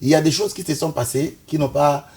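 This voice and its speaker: Speaking a little fast in a darkish, slightly rough voice on the high side, a Kinshasa political commentator analyzes politics insistently during a televised debate. When interrupted, he pushes back.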